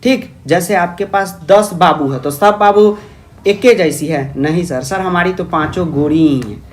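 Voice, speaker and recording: Male tutor with a fairly high voice who explains patiently and coaxes his students along, voicing their questions himself. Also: measured pace. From India. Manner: asks and answers imagined student questions himself; coaxing, calls listeners "babu". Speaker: teacher. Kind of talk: classroom-style grammar lesson.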